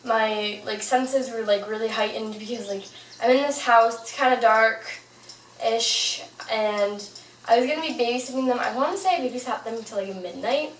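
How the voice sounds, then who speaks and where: A woman's voice: on the high side, normal speed. A young woman telling a personal story in a casual, chatty, informal way, as a vlogger to her viewers. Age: young adult. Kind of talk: casual storytime, paranormal anecdote. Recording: roomy, distant mic, fan noise. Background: whirring fan.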